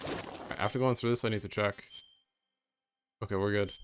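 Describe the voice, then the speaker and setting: A man's voice: lowish voice, fairly even intonation, normal speed, background noise. A man giving casual, rambling, easygoing commentary as he plays a video game. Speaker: let's player.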